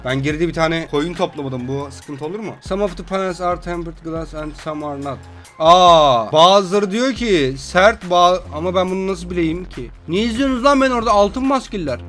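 Turkish guy yelling and cursing over a game, high jumpy voice, bit of music underneath. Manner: loud, swearing, frequent outbursts and laughs. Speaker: gaming video host. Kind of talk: excitable gameplay commentary.

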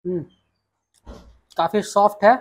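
Tasting and recommending dishes for his casual food vlog, a young man from Bihar, India, speaks directly to viewers from a small restaurant dining room. His voice sits high, his tone is steady, and he keeps a measured pace.

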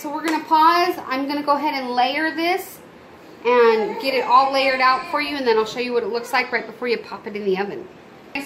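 Chatty mom in an echoey kitchen. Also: female voice, fairly high pitch. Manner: chatty, instructive, talks to viewers. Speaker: mom cooking on camera. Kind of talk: casual cooking demonstration. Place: home kitchen. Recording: echoey kitchen with loud background noise. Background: child crying, household noise.

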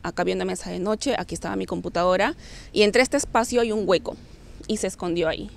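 A woman with a Peruvian accent recounting a personal paranormal experience in the first person, vividly acting out quoted voices and dropping to a hush at tense moments. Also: medium pitch, vocal fry, a little hiss or hum. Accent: Peruvian Spanish. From Peru.

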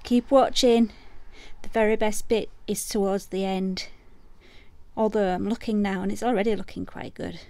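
A middle-aged woman chatting in a casual craft vlog, bubbly and chatty, sometimes dropping to soft murmurs. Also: medium pitch, fairly even intonation, moderate pace, no room sound. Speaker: resin artist vlogger.

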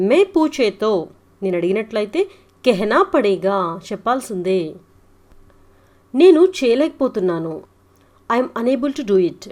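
A woman teaching a spoken language lesson. She says each sentence, repeats it slowly and mixes in English glosses. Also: on the high side, darkish tone.

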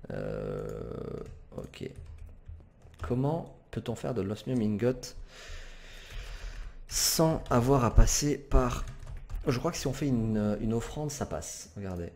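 A man's voice: mid-range voice, sing-song, takes it slowly, creaky, pauses often, mellow. A man commenting as he plays a game, hesitant and chatty, with many fillers and self-corrections. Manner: apologizes for swearing, casual and chatty. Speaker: gamer commentator. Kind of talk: let's play commentary.

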